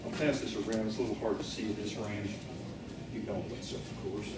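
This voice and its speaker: A man's voice: lowish voice, steady tone, a little fast, heavy reverb, heavy background noise. A man giving a blunt, matter-of-fact keynote lecture with demonstrations in a large hotel meeting room, recorded by a far camera. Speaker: keynote speaker. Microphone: far camera, no visible mic.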